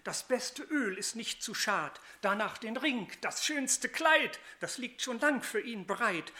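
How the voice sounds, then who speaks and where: A forgiving, joyful father, voiced by a storyteller calls for a feast in rhymed verse. The tone is bright and forward. The pace stays slow and deliberate. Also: medium pitch, exaggerated voice. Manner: warm, celebratory rhymed verse.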